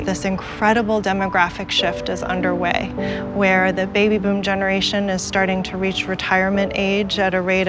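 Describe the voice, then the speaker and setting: A woman advocate explaining things in a measured, informative way in a documentary interview. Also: medium pitch.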